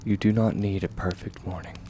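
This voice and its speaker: Against a noisy background, a man lightly acts the part of a kind young warrior in comfort ASMR, his deep voice holding a steady tone. He stays gentle, reassuring, and measured, often hushed, with a soothing, earnest mood.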